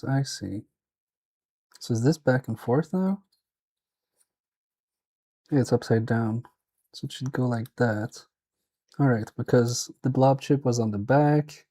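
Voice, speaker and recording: A mellow, medium-pitched man with a Swedish accent mutters to himself and thinks aloud while repairing a toy during a live stream, keeping the commentary casual.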